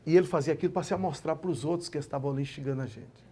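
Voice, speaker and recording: A man, a pastor, giving an emotional testimony sermon, speaking to his listeners as brothers and swinging from quiet storytelling to loud proclamations. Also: a little high, racing. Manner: impassioned, addresses listeners as brothers.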